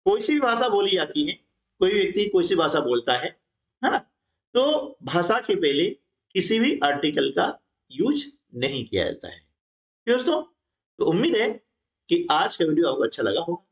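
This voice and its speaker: A man's voice: sits high, sing-song, moderate pace. A man teaching a grammar lesson for exam preparation, explaining step by step and often checking in with his students.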